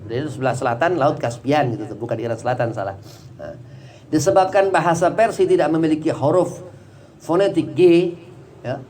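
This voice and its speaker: A man's voice: mid-range voice, darkish tone, a little hiss or hum. Chatty man teaching a religious study class. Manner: chatty, digressive explaining with many "nah" and "ya" fillers.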